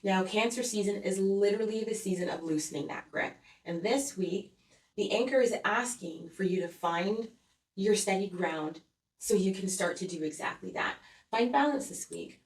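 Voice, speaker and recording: A woman hosting a weekly tarot and astrology forecast, talking in an earnest, soothing way and often checking in with a gentle "okay?". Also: mid-range voice, normal speed. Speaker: tarot reader and astrology host. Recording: roomy echo, voice a bit far from mic.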